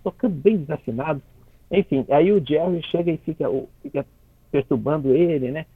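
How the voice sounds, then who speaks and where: On a dry, tinny phone line with no room sound, a husky, somewhat high-voiced Brazilian conductor talks about the classical music heard in cartoons. It's loose radio chat, full of restarted phrases and quick tag questions, and he laughs as he explains.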